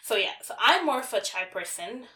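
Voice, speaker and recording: A woman's voice: fairly high pitch, very animated, moderate pace, bright, forceful tone, roomy sound. A woman in her twenties from Bangladesh, co-hosting a casual podcast and chatting freely, often restarting her sentences. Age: 20s. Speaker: podcast co-host.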